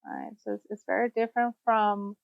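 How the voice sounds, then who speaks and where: A woman's voice: medium pitch, steady tone, moderate pace, vocal fry, dry recording, lo-fi sound. A woman from Costa Rica, a sex therapist, telling her story in a podcast interview. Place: studio, in person.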